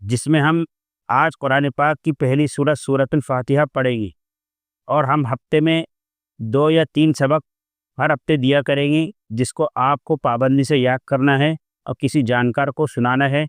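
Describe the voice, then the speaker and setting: A man teaching a Quran lesson, explaining each word plainly and then reciting it slowly with long drawn-out sounds. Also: medium pitch, steady tone, clean tone, no echo, clean studio sound.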